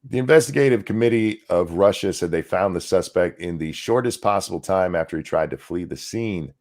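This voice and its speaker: This co-host of a casual political commentary show has a low, darkish voice and talks briskly. He reads the news aloud, then breaks off into sarcastic asides, swearing freely as he swings from dry delivery to mockery.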